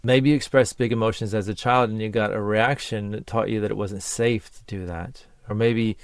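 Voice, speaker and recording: A man's voice: fairly low pitch, smooth, no echo. A man talking as a voice coach, giving an earnest and encouraging spoken lesson in short listed phrases.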